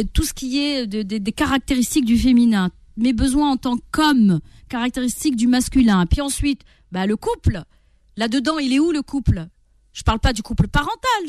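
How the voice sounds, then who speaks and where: Recorded with no room sound, this high-pitched middle-aged woman gives parenting tips as a guest in an interview. Her delivery is lively, and she voices what frazzled parents are thinking to themselves.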